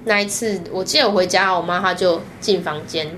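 A woman with a Taiwanese Mandarin accent, a guest telling candid personal stories in an animated way, laughing often and acting out the voices she quotes. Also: fairly low pitch, a little fast, a little hiss or hum.

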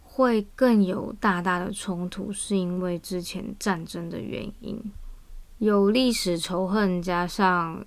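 A woman's voice: fairly low pitch, fairly even intonation, takes it slowly. A woman with a Taiwanese Mandarin accent hosting a casual personal podcast monologue, her voice weak and under the weather. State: weak voice from vaccine side effects. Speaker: podcast host.

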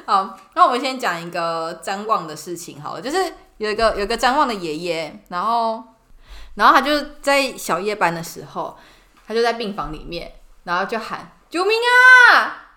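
Young-sounding woman nurse, giggly, swoopy high voice, echoey room. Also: animated, normal speed, bright, forceful tone. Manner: giggly, acts out patients' voices. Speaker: podcast host, nurse. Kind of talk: casual chat, storytelling.

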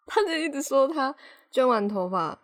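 A woman's voice: sits high, animated, normal speed. A young woman in her twenties co-hosting a podcast, casual and candid, laughing often as she talks about her feelings. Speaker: podcast co-host. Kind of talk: casual chat.

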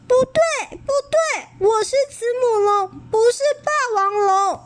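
A woman putting on a little dinosaur boy for a storybook, his voice pitched very high and childlike, trembling and stammering as tears come. He speaks slowly, each word drawn out. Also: animated, background noise. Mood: tearful protest. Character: young dinosaur boy, frightened and tearful.

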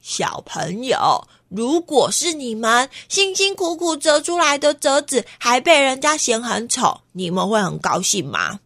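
A woman's voice: on the high side, very animated, measured pace, few pauses, a bit bright, no room sound, clean studio sound. A woman reading and telling a children's story, talking directly to the young listeners and asking them questions.

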